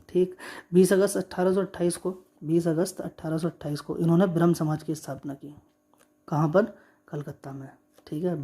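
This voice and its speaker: A woman teaching an exam-prep history lesson, posing questions and answering them herself, slowly repeating key facts and dates. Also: on the low side, mellow.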